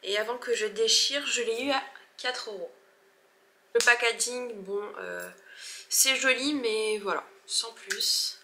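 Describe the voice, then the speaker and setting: A young woman in her twenties talks through her makeup haul in a loose, chatty way, stopping and restarting often. Her voice is bright and sits a little high, and she gushes readily over every product. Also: takes it slowly, a little hiss or hum. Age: 20s. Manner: chatty, hesitant, many fillers and restarts. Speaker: beauty vlogger. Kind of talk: casual haul vlog.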